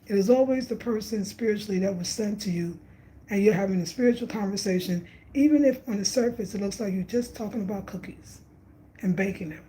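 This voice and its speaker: This travel vlogger from Brooklyn, a woman in her 50s, speaks at a medium pitch with a dark tone, reflecting casually on travel and spirit. She repeats phrases to emphasize them, and the recording quality is low.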